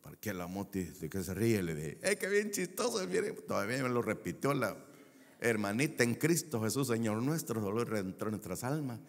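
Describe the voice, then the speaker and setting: A man's voice: fairly low pitch, animated, moderate pace, big-room sound. A man preaching a sermon as a pastor, stretching key words for emphasis and telling a personal story. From El Salvador.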